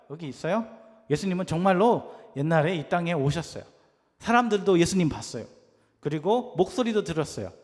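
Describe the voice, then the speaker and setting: Man, high voice, gentle children's sermon, coaxing questions, long hall reverb. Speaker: preacher for children. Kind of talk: children's sermon with picture storytelling.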